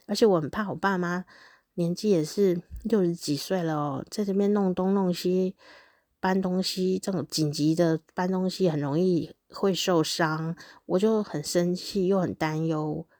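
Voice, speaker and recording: A woman, reading her own diary aloud as a podcast host in a candid, animated way, often breaking into laughs. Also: on the low side, normal speed, no room sound, clean studio sound. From Taiwan.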